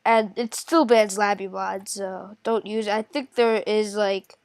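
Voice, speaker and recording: Her voice is mid-range, smooth and darkish, with fairly even intonation and no room sound. She's a gaming tutorial creator with a stuffy nose from a cold, walking through a casual screen-recorded game and thinking aloud, hesitating, pausing a lot, and correcting herself.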